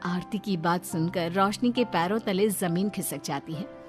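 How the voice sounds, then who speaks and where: A woman narrating a scripted cartoon story in an expressive storytelling manner. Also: on the low side, measured pace, soft background music.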